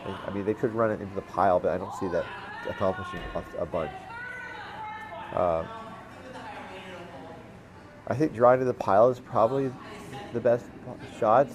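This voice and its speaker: A man calling a curling game as commentator, relaxed and halting, with lots of fillers and restarts and the odd dry aside. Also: on the low side, crowd noise. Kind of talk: play-by-play commentary.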